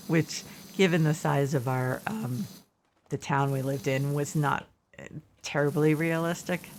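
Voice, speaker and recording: A middle-aged woman with a very deep voice streams a game while telling a meandering story, correcting herself and adding asides about what she's playing. There's slight background noise.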